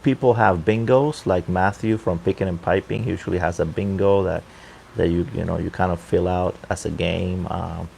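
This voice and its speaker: A man talking casually off the cuff on a livestream, halting and unhurried, keeping his voice down outdoors on a balcony. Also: low voice, fairly even intonation, gravelly, a little mellow. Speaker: livestream host and pipe hobbyist. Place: outdoor balcony at night near a pool. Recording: faint water noise in background.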